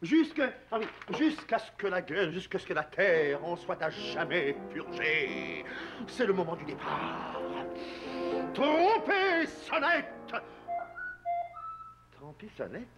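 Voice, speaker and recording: A man's voice: fairly high pitch, sing-song, moderate pace, over music. A man voicing Loup-Garou, a hammy male werewolf actor who stumbles over forgotten lines, in 1960s children's TV puppet acting. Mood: flustered.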